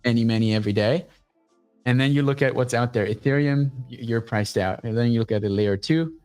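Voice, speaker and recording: A man talking as a guest on a casual livestream show, pitching his startup in a blunt, profane, energetic way. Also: fairly quick, clear, resonant tone, faint music behind.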